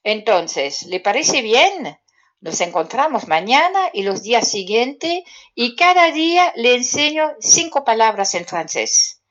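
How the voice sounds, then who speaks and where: Woman, French accent, slow pace, playful children's radio, muffled lo-fi sound. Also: fairly high pitch, sing-song. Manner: gentle, playful, addresses listeners directly. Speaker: French teacher on community radio. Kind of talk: friendly radio talk to children. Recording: dull lo-fi radio audio.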